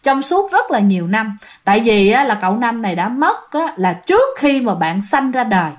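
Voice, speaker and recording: A woman narrating a ghost story, animated and talking directly to her listeners. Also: on the high side, moderate pace.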